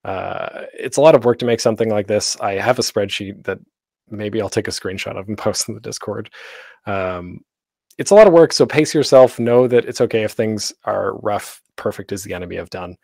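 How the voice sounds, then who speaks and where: His voice is lowish and darkish with vocal fry, delivered at a moderate pace, as he hosts an online panel teaching audio drama production. The talk is informal and meandering, and he keeps interrupting himself. It's a close, dry home recording of studio quality with no room sound.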